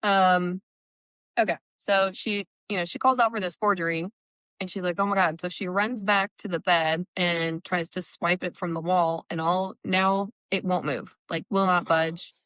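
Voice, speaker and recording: Chatty woman with a smooth, low voice. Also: steady tone, measured pace, a bit bright, no room sound. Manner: chatty retelling, frequent "like" and "um". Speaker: podcast co-host. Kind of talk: casual book-recap chat. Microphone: remote call.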